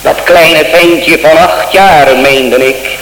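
High-voiced slow preaching man. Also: fairly bright tone. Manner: solemn, impassioned preaching with sudden emphatic rises. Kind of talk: sermon. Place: church. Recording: echoey church hall, faint hum.

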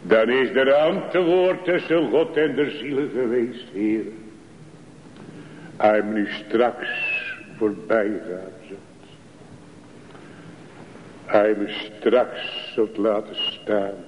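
A man preaches a sermon, slow and pleading, with a low voice that now and then rises into fervent calls. The recording is dull and muffled, with long reverb trailing off the church walls. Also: slight background noise.

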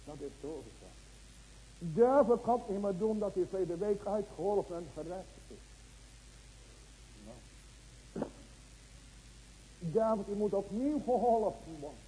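Slow, dark-toned preaching man. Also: sits high, animated, poor audio. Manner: emphatic rhetorical questions, swinging from loud to hushed. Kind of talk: sermon.

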